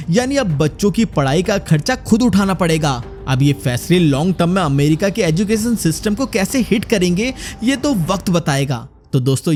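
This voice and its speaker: High-voiced man narrating news explainer. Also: a little mellow. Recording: faint background music.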